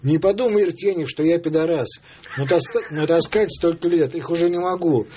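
A man reciting his own comic poem on air in a measured, mock-solemn way. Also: a little high, dark tone, slight background noise. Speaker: poet guest.

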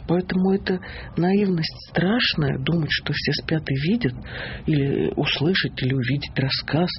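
A woman from the Kemerovo region talks as an interview guest, unhurried and sure of herself as she tells her story. The audio sounds a little dull, with a faint hiss running underneath. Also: low-pitched. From Kemerovo region, Russia.

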